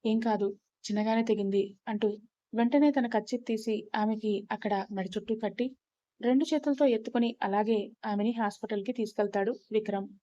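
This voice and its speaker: A woman narrating a romance story in a smooth, steady scripted style, on a slightly dull recording. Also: a little high, a little fast, no echo.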